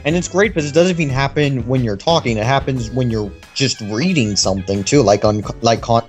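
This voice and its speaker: A man co-hosting a let's play, chatting casually in a halting, agreeable, self-deprecating way. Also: medium pitch, faint music behind. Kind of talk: casual gameplay chat.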